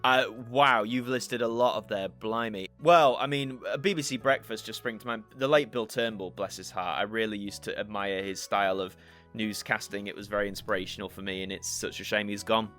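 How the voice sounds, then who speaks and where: In a relaxed Q&A chat, a young YouTube channel host from Yorkshire, England, responds to viewers while thinking aloud, with faint music behind. His accent is a northern English mix, mostly Yorkshire. He has a fairly low, slightly bright voice, fairly even intonation and a fairly quick pace.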